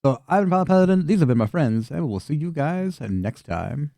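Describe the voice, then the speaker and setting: A man's voice: a little high, lively intonation, moderate pace, vocal fry, warm tone, no echo, clean studio sound. A man narrating a tabletop fantasy game as game master, in a casual, chatty, sweary style.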